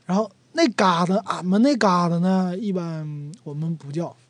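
A speaker from Northeast China, explaining dialect words in a chatty Northeastern Mandarin accent at an ordinary, middle pitch. The sound is close and dry, with almost no room around the voice. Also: normal speed, no room sound. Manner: chatty, acts out everyday sample phrases. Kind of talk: casual explanatory talk.

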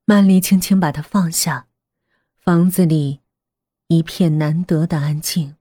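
Husky-voiced woman narrating a suspense audiobook. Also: deep voice, fairly even intonation, no echo. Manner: measured, hushed storytelling that drops to a near whisper.

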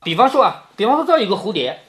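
This is a man casually retelling a classic novel to his daughter, translating each quoted passage into plain words as he goes. He has a high-pitched, fairly bright voice with big pitch swings, and his frequent little check-in questions give it the feel of a relaxed family lesson.

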